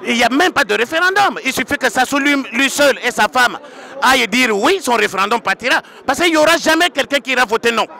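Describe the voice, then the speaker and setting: A man's voice: extremely high pitch, lively intonation, quick pace, gravelly, pushed and bright. A male protester in a street interview, arguing his point and explaining at length. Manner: argumentative, explaining. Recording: outdoor street crowd.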